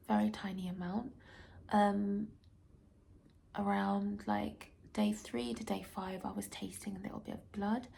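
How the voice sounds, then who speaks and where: A woman recovering from tonsil surgery with a dry, sore throat, talking casually and haltingly in a personal health vlog. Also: medium pitch, gravelly, darkish tone, a little hiss or hum. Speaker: vlogger.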